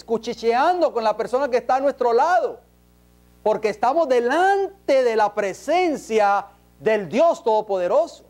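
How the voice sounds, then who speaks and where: A man's voice: very high voice, darkish tone. A man preaching an emphatic sermon in a church, peppering the congregation with rhetorical questions.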